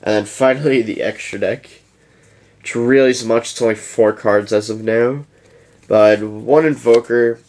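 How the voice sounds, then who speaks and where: A man's voice: mid-range voice, steady tone, a little slow, a little mellow. A young man giving a casual, rambling deck profile to his channel, yawning as he goes. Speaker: YouTuber presenting a card deck.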